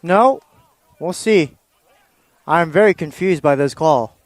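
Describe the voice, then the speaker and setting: High-voiced excitable baseball announcer. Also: male voice, measured pace, a faint crowd. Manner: excitable, rising to near shouts on big plays, dry asides. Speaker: play-by-play announcer. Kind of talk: baseball play-by-play commentary.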